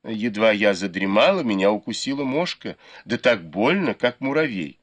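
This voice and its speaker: A man doing a soft-spoken devoted young maid. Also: lowish voice, expressive, normal speed. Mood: soft, deferential. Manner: quiet, deferential, polite.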